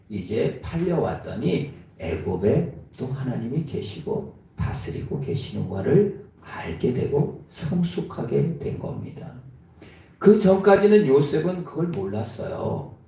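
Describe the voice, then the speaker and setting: Gravelly dark-voiced pastor preaching. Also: male voice, fairly high pitch. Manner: emphatic, storytelling preacher. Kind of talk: sermon. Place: church. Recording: echoey church hall from far off.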